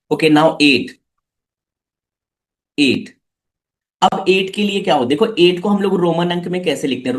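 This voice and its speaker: A man teaching a live online class for children, coaxing them with repeated questions. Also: sits high.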